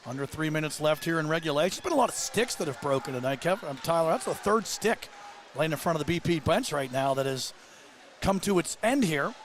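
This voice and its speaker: A man working as play-by-play commentator, calling a hockey game rapidly and getting excitable on big plays. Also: on the high side, slight background noise. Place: live at an ice rink.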